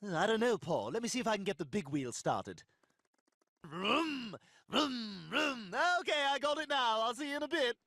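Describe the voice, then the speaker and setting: Brief: a cartoon psycho superfan, high, swooping sing-song menace, dry close sound. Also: male voice, sing-song, fast, hardly any pauses, fairly bright tone. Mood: menacing. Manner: sing-song, mock-polite, fussy. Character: deranged obsessive male superfan, petty and menacing. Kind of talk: cartoon voice acting.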